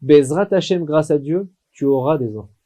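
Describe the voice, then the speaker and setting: A man voicing a gentle, wise elderly sage who speaks softly and calmly in a told story. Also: fairly high pitch, moderate pace.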